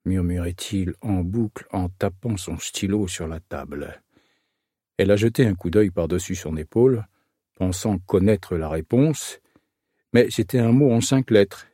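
A man reading a novel aloud in a calm, measured storytelling manner. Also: on the low side, breathy edge, dry recording, studio quality. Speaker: audiobook narrator. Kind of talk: scripted narration.

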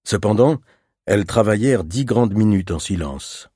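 Guy reading an old novel aloud, calm and steady, lowish voice, dry close mic. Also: husky, dry recording. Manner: calm, measured, even reading. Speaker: audiobook narrator. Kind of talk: scripted literary narration.

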